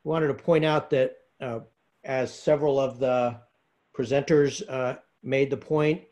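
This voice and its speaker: A man giving a public comment at an online meeting, halting and full of fillers. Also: medium pitch, fairly even intonation, darkish tone. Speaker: public commenter for a care program.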